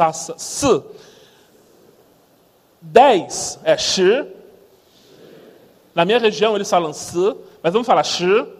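A man with a Brazilian Portuguese accent gives a humorous church testimony as a missionary speaker. He tells stories in a lively way and mimics sounds. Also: high-pitched, in a large hall.

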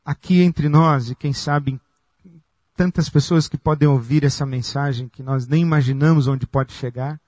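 A man preaching a sermon as pastor, slow and emphatic with long pauses. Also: on the high side, steady tone, darkish tone, dry recording.

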